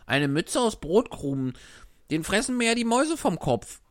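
A woman's voice: medium pitch, sing-song, moderate pace, dry recording, studio quality, lightly acted. A woman voicing a teasing, sensible village boy who mocks the puppet's offers. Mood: mocking.

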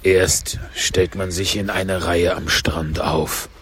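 A man voicing a gruff, boisterous male griffin in a deep, slow, rumbling voice, reading outdoors on a park bench. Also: flat delivery, a bit bright, slight background noise, full character voice.

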